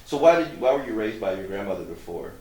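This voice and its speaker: A man hosting a talk show, who introduces his guests and asks them questions in measured, formal phrasing. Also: fairly low pitch, sing-song, a little mellow. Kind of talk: interview hosting. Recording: echoey room, distant mic.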